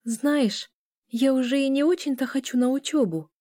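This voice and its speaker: A woman voicing a weary young pregnant student who complains softly. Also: fairly high pitch, expressive, normal speed, dry recording, clean studio sound, pitched above the performer's own voice, natural voice.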